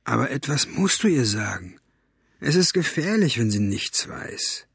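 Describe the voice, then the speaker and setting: A man playing a wary, scarred grown man who speaks in a low, hushed, insinuating way. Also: very animated, unhurried, vocal fry, breathy edge, dry recording, studio quality, full character voice.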